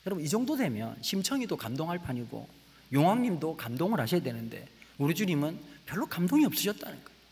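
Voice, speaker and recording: A man preaching a testimony sermon in a Gyeongsang accent, telling his story with big loud peaks and hushed asides. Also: a little high, fast, breathy edge. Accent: Gyeongsang Korean. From Gyeongsang region, Korea. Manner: animated storytelling, swings between loud exclamations and hushed asides. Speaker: guest preacher. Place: church sanctuary. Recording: church hall with long reverb.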